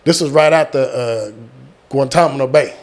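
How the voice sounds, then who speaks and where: Man, middle-aged, mid-pitched voice, casual storyteller, animated delivery, emphatic repetition. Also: normal speed. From small-town Texas, United States. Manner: animated retelling, acting out quotes, repeating words for emphasis. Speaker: guest, military veteran.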